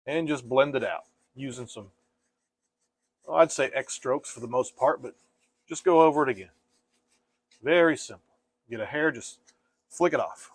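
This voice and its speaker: A man teaching painting step by step in a casual, gentle and reassuring way, like an easygoing instructor. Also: mid-range voice, normal speed, pauses often, no echo.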